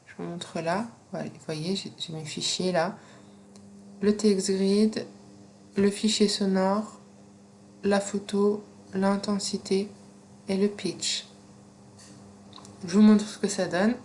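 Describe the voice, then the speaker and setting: A woman with a non-native French accent giving a screen-recorded software tutorial, explaining steps slowly with frequent fillers. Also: medium pitch, fairly even intonation, a little hiss or hum. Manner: slow, step-by-step instructions with frequent fillers. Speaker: teacher.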